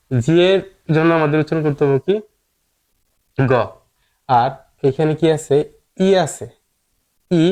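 A man's voice: on the high side, dark tone. A man teaching English pronunciation in a patient, explanatory way, repeating each point several times. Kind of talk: explanatory lesson with repetition.

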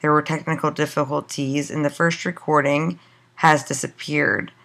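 A woman with a hoarse voice, as she is losing it, giving a recorded class lecture in a loose style full of fillers and rhetorical questions. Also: sits low, flat delivery, moderate pace, fairly bright tone. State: losing her voice.

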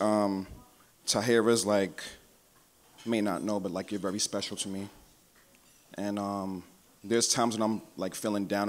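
Young man, casual upbeat cousin toast, low voice. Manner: energetic, chatty, lots of "like". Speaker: bride's cousin giving a toast. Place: wedding reception hall.

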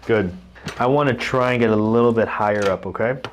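A man working as a chiropractor, giving calm, joking instructions to a patient during treatment. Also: lowish voice, a little fast, a little hiss or hum. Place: chiropractic clinic room.

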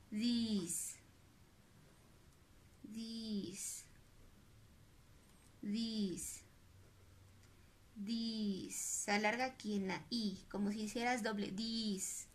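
In a recorded online lesson, this Mexican Spanish–accented woman drills English words for small children, pronouncing them slowly and drawing them out. She speaks at a fairly high pitch, with slight background noise audible.

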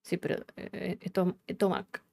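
A woman with a Rioplatense Argentine accent hosts a relaxed live coding stream, thinking aloud and swearing casually as she works. Her lowish voice is unhurried and a little mellow, with vocal fry and little pitch movement.

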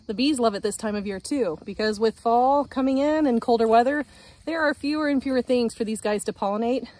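Out in the backyard garden, a young woman vlogs about her homestead while doing yard work, holding her phone at arm's length. Her slightly high, somewhat mellow voice moves fairly quickly, upbeat and chatty.

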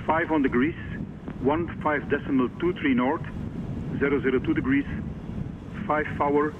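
A man's voice comes through a marine radio link, slightly higher than most men's, as a coast guard operator runs formal call procedure. He reads positions out in a measured, methodical way and closes each message with "over". The sound is muffled and dull, with a clear hiss of static underneath. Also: steady tone. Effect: marine radio transmission.

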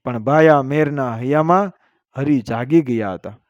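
A man reading a folk tale aloud as a storyteller, in steady, dramatic narration. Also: mid-range voice, measured pace, no room sound. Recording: dull lo-fi and dry.

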